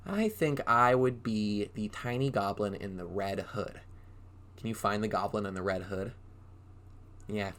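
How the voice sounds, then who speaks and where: An acting teacher reads a story aloud to young children in a lowish voice, delivering it expressively and often pausing to put questions to his listeners.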